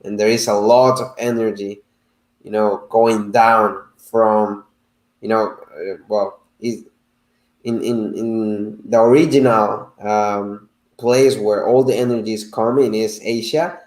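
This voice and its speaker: A man from El Salvador, chatting as a guest and often pausing to search for words. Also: lowish voice, fairly even intonation, darkish tone. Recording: roomy echo.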